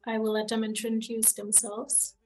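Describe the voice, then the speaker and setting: A young woman from Germany hosting a student podcast, reading prepared points in a measured way. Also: a little high, monotone, a little mellow, low-quality recording. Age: young adult. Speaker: podcast host. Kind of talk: student podcast, read from notes.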